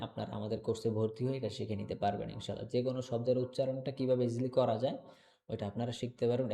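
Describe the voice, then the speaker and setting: A man's voice: mid-range voice, dark tone. Guy teaching english online, says every word over and over, keeps asking if u got it. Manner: slow, repetitive drilling of words, checks in with "okay?".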